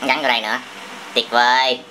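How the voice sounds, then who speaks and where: On a family toy channel, a father with a southern Vietnamese accent plays with his young son, talking casually and making sound effects with his mouth. The adult's voice is medium-pitched, level and brisk, and the noisy home camera recording from a small tiled room picks up clicking plastic bricks.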